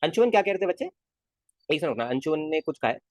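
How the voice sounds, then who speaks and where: A man's voice: on the high side, big pitch swings, racing, dry recording, studio quality. A male physics teacher in a casual live class, coaxing his students with constant questions and calling them kids. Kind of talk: live online class lecture.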